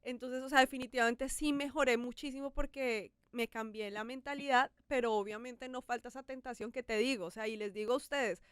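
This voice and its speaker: A woman's voice: on the high side, fairly even intonation, brisk, few pauses, fairly bright tone, clean tone, dry recording, clean studio sound. A woman hosting a podcast, talking candidly and with animation about her own life. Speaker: podcast host. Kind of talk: casual podcast conversation.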